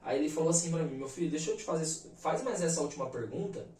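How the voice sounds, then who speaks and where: A Brazilian man in his thirties, a podcast guest, telling a personal story in an animated, emphatic way full of slang fillers. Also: fairly high pitch, fast talker. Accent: Brazilian Portuguese. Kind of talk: casual storytelling. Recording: roomy echo, mic at a distance.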